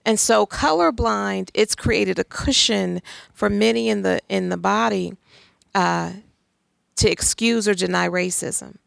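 A woman talks with emphatic, pointed conviction, pressing her points through rhetorical questions. Her voice is strongly gravelly and full of fry. The sound is close and dry, with no room around it. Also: mid-range voice, measured pace, fairly bright tone, no echo. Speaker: guest speaker. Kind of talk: conversational talk on faith and society.

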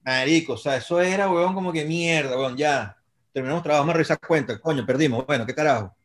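Venezuelan guy rattling off road stories, swears a lot, voice a bit on the high side. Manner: rapid, slangy, profanity-laced. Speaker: concert promoter. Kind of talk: casual storytelling.

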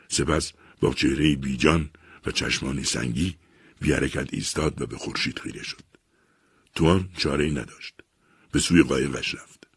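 A man reads a literary story in a slow, solemn way. His voice is extremely deep and gravelly, very husky, and the sound is close and dry with no room around it. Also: no room sound. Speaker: narrator. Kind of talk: audiobook narration.

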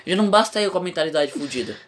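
A man's voice: fairly high pitch, lively intonation, very fast, a bit bright. Rambling young man on a podcast. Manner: rambling, frank, swears freely, often laughs. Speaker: podcast host. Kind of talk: casual podcast chat.

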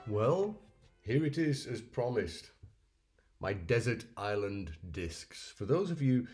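A man's voice: mid-range voice, sing-song, takes it slowly, a little mellow. A man hosting a solo music podcast, talking in a rambling, reflective way with many fillers and restarts. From North Yorkshire, England. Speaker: podcast host.

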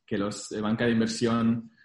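A man's voice: mid-range voice, little pitch movement, moderate pace. A young man in a casual interview, recounting his career in Spanglish, dropping English business terms into his Spanish. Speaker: interview guest, former investment banking analyst. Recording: echoey room.

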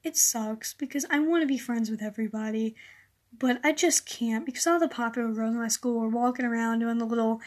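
A woman's voice: a little high, darkish tone. A teenage girl hosting her own casual podcast, rambling in a sarcastic, exasperated way. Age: teens. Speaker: podcast host. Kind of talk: casual solo podcast rant.

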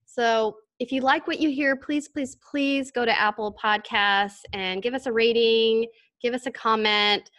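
A woman's voice: fairly high pitch, steady tone, measured pace, fairly bright tone. A woman co-hosting a podcast, moving between casual chat and scripted announcements. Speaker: podcast co-host.

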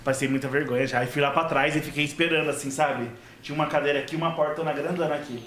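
A man's voice: on the high side, steady tone, fast, fairly bright tone, reverberant, a little hiss or hum. A man telling a story in a casual podcast chat, acting out quotes and laughing often.

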